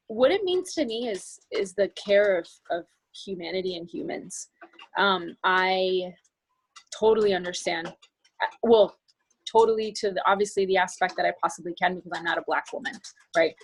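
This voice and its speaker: A woman's voice: mid-range voice, moderate pace, breathy edge, rough recording. A woman from the New Jersey area, a business coach and guest on a video call, talking earnestly and at length with many restarts. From New Jersey area, United States. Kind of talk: video call group discussion.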